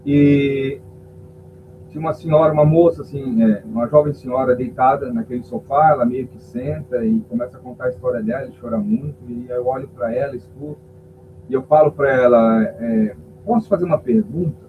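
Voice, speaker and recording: A man's voice: medium pitch, steady tone, brisk. A male pastor, telling an emotional testimony in a podcast interview and acting out the voices of people in his story. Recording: tinny phone-like sound with faint hum.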